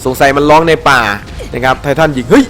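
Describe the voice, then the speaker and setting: A man giving excited let's-play commentary over a game, animated and playful, with frequent shouted exclamations and crude slang. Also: medium pitch, quick pace. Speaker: gameplay commentator. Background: faint game music.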